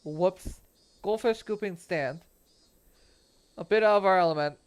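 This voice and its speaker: A woman hosting a let's-play, joking loudly and reading the story aloud over game music. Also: on the low side, measured pace, clean tone. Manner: loud, joking, reads dialogue aloud. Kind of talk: casual game commentary.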